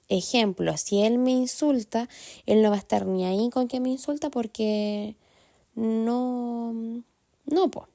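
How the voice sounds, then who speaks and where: A Chilean woman runs through her study terms one by one, giving each a short definition and then an example. Her voice is mellow and a little high. The recording is dry, with no room echo. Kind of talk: reviewing study material.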